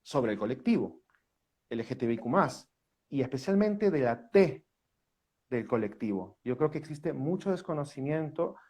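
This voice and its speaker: A man's voice: mid-range voice, expressive, slightly rough. Eager Peruvian man hosting a live stream. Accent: Peruvian Spanish. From Peru. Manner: warm, welcoming, quick eager interjections. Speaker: host. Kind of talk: interview over a live video call. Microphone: phone or webcam on a video call.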